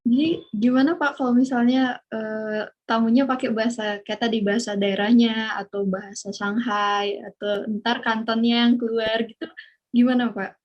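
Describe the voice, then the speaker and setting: A woman's voice: on the high side, fairly even intonation, normal speed. A woman, interviewing a guide with polite, brief questions. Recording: slightly muffled lo-fi recording.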